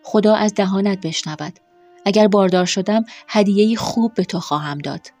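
A woman's voice: medium pitch, a little mellow, soft background music, lightly acted. A woman voicing an earnest, somewhat worried young married woman. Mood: hopeful. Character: young married woman, anxious yet warm mistress.

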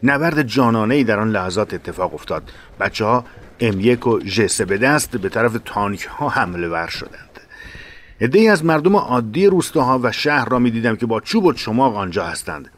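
A man narrating a war memoir in a measured, dramatic reading. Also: mid-range voice, very animated.

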